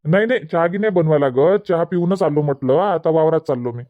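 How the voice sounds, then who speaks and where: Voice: medium pitch, fairly quick, muffled recording, natural voice. A voice actor playing an easygoing, matter-of-fact middle-aged village farmer.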